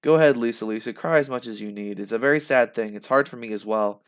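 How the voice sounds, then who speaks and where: A calm, loving mother, read by a man in a soft, soothing tone. Her speech is gentle and steady, meant to comfort a child. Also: mid-range voice, quick pace, smooth, close to an everyday voice.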